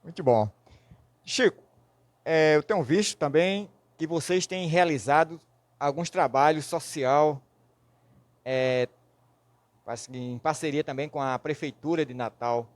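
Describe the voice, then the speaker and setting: Male interviewer, polite and plain, higher voice, dry recording. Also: unhurried, pauses often, no room sound. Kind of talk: interview questions.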